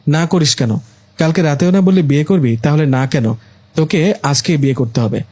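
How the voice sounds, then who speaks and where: A bossy middle-aged mother, put on by a man in a storybook tale, scolding and pushing for the wedding. The voice is husky and a touch high, dry and close. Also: moderate pace, warm tone, no echo, close to an everyday voice. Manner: scolding, pushy.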